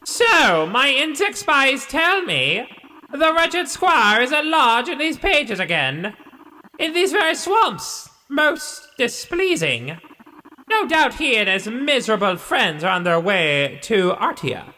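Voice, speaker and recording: A man voicing a scheming male video game villain who commands insect spies, speaking slowly and theatrically. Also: very high voice, sing-song, sharp tone, big-room sound, voice pushed up, full character voice, rough recording. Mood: gloating. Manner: slow, gloating, theatrical.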